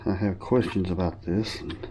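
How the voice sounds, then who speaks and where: In a rough recording with a little hiss or hum, a man with a low, mellow voice speaks at normal speed with fairly even intonation. He's a hobbyist casually showing his equipment, rambling informally with fillers and self-corrections while sniffling from a cold.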